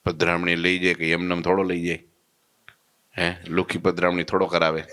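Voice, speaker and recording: A man delivers a folksy storytelling sermon. His voice sits very low yet sounds bright and crisply resonant, and he tells his tales with lively animation. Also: moderate pace. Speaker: preacher giving a religious discourse.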